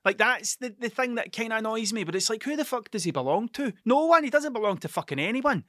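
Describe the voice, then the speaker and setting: Casual male monologue, broad Scottish accent from Ayrshire, forceful bright tone, dry close sound, sweary and blunt. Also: high-pitched, animated, fast, dry recording. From Scotland, Ayrshire. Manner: sweary, blunt, self-questioning.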